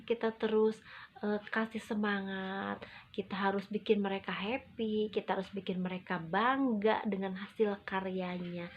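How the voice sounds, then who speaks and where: A woman teaches parents in a slow, medium-pitched voice. She over-enunciates, setting each phrase apart with emphasis and small pauses. The recording is dull and slightly lo-fi. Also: slight background noise. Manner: acts out parent and child quotes. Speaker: early childhood educator. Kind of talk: instructional talk to parents. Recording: muffled, dull lo-fi audio.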